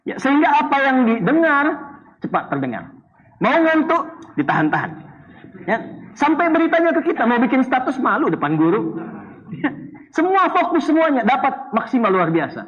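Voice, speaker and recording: A man from Indonesia preaching a sermon, animated and playful, swinging between loud and soft. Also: extremely high pitch, moderate pace. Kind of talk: Islamic sermon. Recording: dull lo-fi sound.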